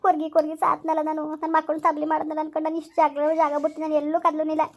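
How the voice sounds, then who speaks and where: A high-voiced woman with a rural Kannada accent talks quickly and steadily. She speaks in a plaintive, lamenting way, playing the parts of a homemade village drama. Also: monotone, darkish tone. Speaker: channel host and storyteller.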